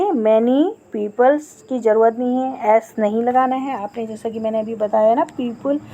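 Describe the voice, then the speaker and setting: A woman teacher explaining grammar in a recorded lesson, often checking in with "okay" and reading example sentences slowly. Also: on the high side, warm tone, muffled recording, a little hiss or hum. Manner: checks in with frequent "okay" and "theek hai".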